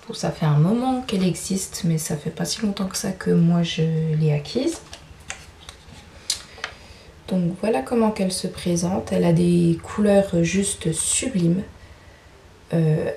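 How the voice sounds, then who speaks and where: Young woman, makeup tutorial, chatty, hesitant fillers, mid pitch, distant mic. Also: creaky, darkish tone, a little hiss or hum. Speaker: beauty vlogger. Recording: roomy sound, mic at a distance.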